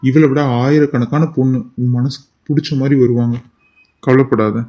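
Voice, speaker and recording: A man voicing a loyal young friend in a cartoon drama who calmly reassures his friend. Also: medium pitch, moderate pace, muffled recording, close to an everyday voice. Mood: consoling. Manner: steady, reassuring, firm.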